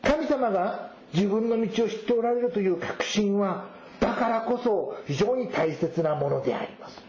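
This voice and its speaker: A man with a high voice preaches a sermon, reading scripture aloud and then explaining it. The sound is roomy and slightly dull. A faint ambience sits behind him. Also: expressive, normal speed, a little mellow, slight background noise. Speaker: pastor.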